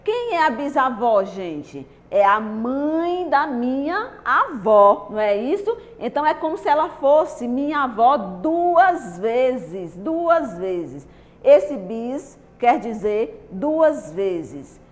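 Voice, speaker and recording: A Brazilian woman teaching young children, her voice pitched fairly high and rising and falling in a very lively way. She explains slowly and patiently, asks the class questions and then answers them herself. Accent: Brazilian Portuguese. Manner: slow, patient, stretched-out explaining. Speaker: primary school teacher. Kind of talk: online lesson for young children.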